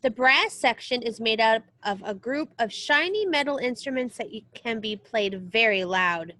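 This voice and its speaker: A music teacher with a somewhat high-pitched voice reads a children's book aloud in a read-aloud lesson, explaining things for young listeners and slipping short asides of her own between passages of the text. Her delivery sounds pushed and bright.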